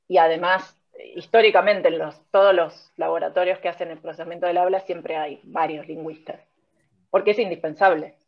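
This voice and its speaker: A woman with a Rioplatense accent, a speech technology researcher, explaining her field step by step in an interview. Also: on the low side. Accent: Rioplatense Spanish. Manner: patient, explains step by step with examples. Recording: dull lo-fi sound.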